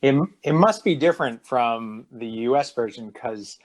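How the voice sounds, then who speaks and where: A man's voice: mid-range voice, normal speed. A man co-hosting a casual podcast, chatty, asking follow-up questions and laughing often while sipping a drink. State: sipping bourbon while talking. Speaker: podcast co-host.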